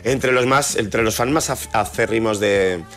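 A man's voice: on the low side, measured pace, a bit bright. A man with an accent from Spain, a radio music contributor talking casually in an informal, slangy way. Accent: Spanish from Spain.

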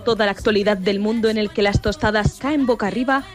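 A woman voicing the announcer of a cheerful fantasy radio station, with smooth, upbeat station-ident delivery. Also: medium pitch, fast, soft background music, natural voice.

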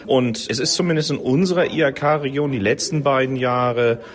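A man's voice: medium pitch, moderate pace. Hesitant male executive in interview. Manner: hesitant with fillers. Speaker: chamber of commerce executive. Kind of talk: interview clip.

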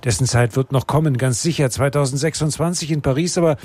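A man delivering a scripted sports report with lively, emphatic narration. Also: medium pitch, quick pace, dry recording.

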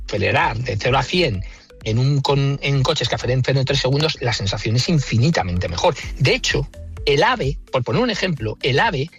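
Fairly high and a bit bright with a breathy edge, the voice belongs to a man from Madrid with a central Spanish accent. He's an engineer in an interview, explaining in a chatty, emphatic, opinionated way, leaning on everyday examples and rhetorical questions.

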